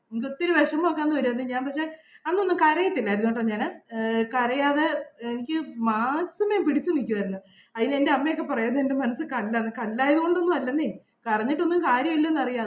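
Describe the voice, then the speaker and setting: A middle-aged woman confides her memories in a quick, chatty flow. Her voice sits a little high. The sound has a roomy echo from the spot outdoors where she records. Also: a little hiss or hum. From Kerala, India. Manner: chatty and confiding, frequent "kettō" tags. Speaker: vlogger. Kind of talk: casual personal storytelling. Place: outdoors at her old house.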